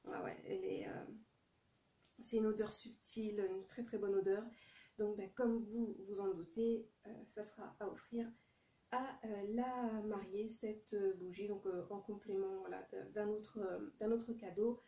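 A woman's voice: mid-range voice, steady tone, vocal fry, warm tone. Chatty French woman with a roomy echo. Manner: chatty, hesitant with many fillers; reads English product names in a deliberate French accent. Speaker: vlogger showing a haul. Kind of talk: casual haul vlog.

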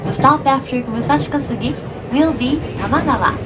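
Woman, high formal voice, unhurried scripted railway announcements, recorded from a distance inside a train. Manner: formal, deliberate. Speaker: English-language train announcer. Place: inside a moving train, over onboard speakers. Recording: distant, clear train noise. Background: train rumble.

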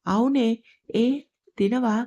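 A woman's voice: fairly high pitch, slow pace, dark tone, highs cut off. A woman voicing a teasing, protective young man in a read-aloud love story, scolding him affectionately and bossing his sweetheart around.

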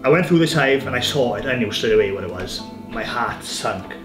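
A Welshman in his thirties keeps a brisk pace in a mid-range voice over music while discussing his work as a beekeeper. The interview is casual, and he's relaxed, repeating words as he speaks. He's shown in a farm kitchen and at a woodland hive site.

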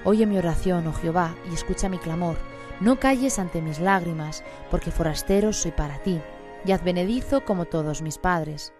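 A woman reads a psalm aloud in a fairly low voice. Her delivery is solemn, measured and even. Music plays clearly behind her throughout. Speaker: scripture reader. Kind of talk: solemn scripture reading.

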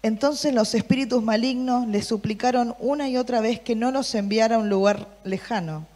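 A woman's voice: on the high side, normal speed, long reverb tail. A woman preaching to a youth group, reading Bible verses and asking the listeners questions. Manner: lively, asks the room questions, reads Bible versions aloud.

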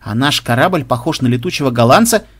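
A man's voice: medium pitch, lively intonation, fairly quick, husky. A man voicing a wry, joking male game tester in an audiobook, musing aloud.

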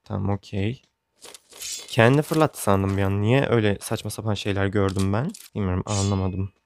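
A young man with a low voice talks through a match as he plays, in chatty, joking commentary. He grumbles easily at bad luck. A faint noise hums under the recording. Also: fairly even intonation, moderate pace. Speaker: gaming YouTuber. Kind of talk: casual gameplay commentary.

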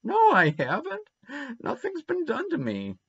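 A desperate little boy from a storybook, acted out by a male reader, blurts and pleads in childish, ungrammatical speech. The pitch swings widely. The sound is dry and a bit dull. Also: big pitch swings, a little slow, fairly bright tone, no echo, full character voice. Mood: indignant, curious. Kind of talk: storybook character reading.

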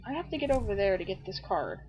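A woman's voice: medium pitch, sing-song, quick pace, lo-fi sound. Swearing young woman playing a game. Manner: swears a lot, exclaims loudly at the game. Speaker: let's play host. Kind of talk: casual gameplay commentary.

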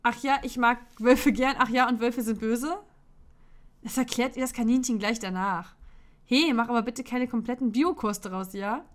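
Woman host, fairly high voice, reads game dialogue playfully with frequent giggles. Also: moderate pace. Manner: playful, often breaking into giggles; reads all characters' lines in her own voice. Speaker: Let's Play host. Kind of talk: reading a dating-sim game aloud.

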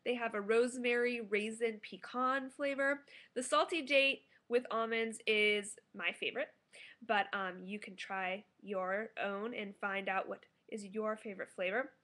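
A woman's voice: mid-range voice, steady tone, a little slow, fairly bright tone. A woman in her thirties giving a casual, enthusiastic food review to camera at home as a food blogger. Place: small living room at home, indoors.

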